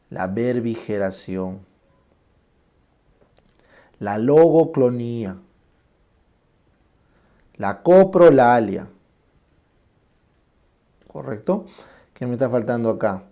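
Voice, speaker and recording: A male lecturer with a gravelly, mellow voice. He explains each term slowly and acts out examples. He keeps checking in with his class through short tag questions. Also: mid-range voice, lively intonation.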